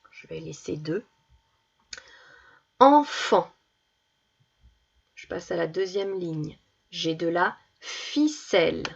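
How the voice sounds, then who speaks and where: A woman teaching young children, reading words slowly and clearly and stressing each one as she goes through worksheet exercises. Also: fairly low pitch, muffled recording. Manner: slow, deliberate, stresses each word. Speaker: primary school teacher.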